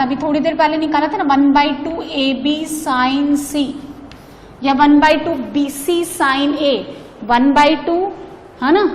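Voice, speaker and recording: Woman maths teacher, quizzes the class as she goes, slow and deliberate, faint background noise. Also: sits high, big-room sound. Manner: prompts students to answer, mixing Hindi and English. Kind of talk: blackboard maths lecture.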